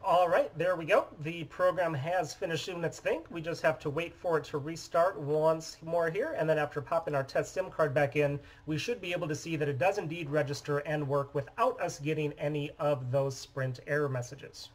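A man in his thirties from the United States, giving a steady, methodical explanation while demonstrating a phone at his desk in a small room. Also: on the high side, normal speed, hardly any pauses, poor audio. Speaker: phone repair business owner. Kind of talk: scripted product demonstration. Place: small indoor office room.

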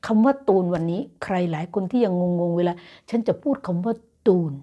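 A woman's voice: medium pitch, fairly quick, dark tone, dull audio. A Thai woman teaching Dutch grammar in a casual online lesson, explaining patiently and encouraging her students. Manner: encouraging and motivational.

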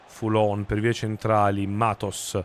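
A man's voice: on the low side, completely flat delivery, slow pace. A man, doing live football video game commentary in an emphatic, exclaiming way. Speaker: game streamer. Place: indoor streaming room. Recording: clear background game noise. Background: football game stadium ambience.

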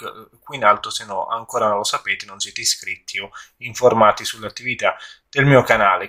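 A man's voice: mid-range voice, sharp tone. A man giving a casual, rambling film review, with frequent hesitations and restarts.

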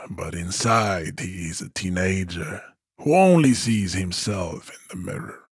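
In scripted video game dialogue, a male actor voices a towering, haughty race-theorist strongman, contemptuous and grandiose. He declaims pompously and condescendingly in a husky, fairly low, exaggerated voice, recorded clean in a studio with no echo.

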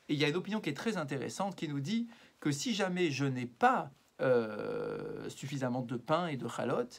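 A man's voice: on the high side, fairly bright tone. A man giving an evening religious lesson as a rabbi, explaining patiently and mixing Hebrew passages into his talk with frequent hesitations. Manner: explanatory, weaves Hebrew passages into French, frequent "euh" and "d'accord".

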